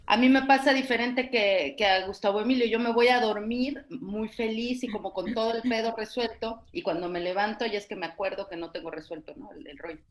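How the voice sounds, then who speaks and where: A woman's voice: medium pitch, brisk, few pauses. A woman with a Mexican accent, a panel guest, talking in a thoughtful, searching way with many fillers over a video call. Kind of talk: reflective casual talk.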